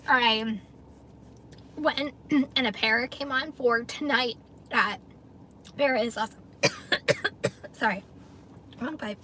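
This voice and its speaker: A chatty, upbeat middle-aged woman talks casually to her livestream viewers from inside her car, laughing easily between thoughts. Her voice sits a little high for a woman. A faint hiss of background noise runs under the recording. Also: big pitch swings, takes it slowly, pauses often, bright, forceful tone. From New York area, US. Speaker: livestream host, gig delivery driver. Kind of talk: casual livestream chat reading viewer comments.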